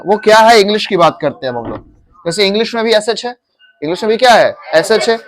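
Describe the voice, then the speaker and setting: A man's voice: high-pitched, expressive, fast talker, a bit bright, slight background noise. Man teaching a pronunciation class. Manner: drills students, repeats words patiently, mixes English into Hindi.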